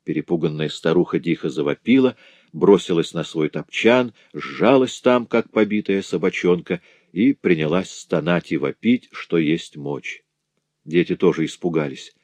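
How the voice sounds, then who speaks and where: A man narrating a novel in an even, measured storytelling manner. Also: low voice, dry recording. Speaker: audiobook narrator.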